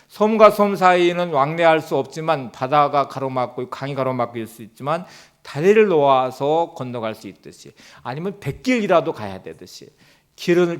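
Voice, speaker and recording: A middle-aged male pastor preaching a Sunday sermon in an earnest, gentle, pleading way, dropping to a soft hush for words of comfort. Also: a little high.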